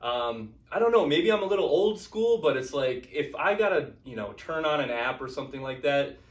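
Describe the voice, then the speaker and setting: A relaxed man talking casually about wrestling, with a rambling flow full of "you know" and "um." He sounds set back from the mic, and the room around him rings and echoes. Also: fairly high pitch, moderate pace. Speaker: co-host. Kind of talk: casual chat. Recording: roomy sound, distant from the mic.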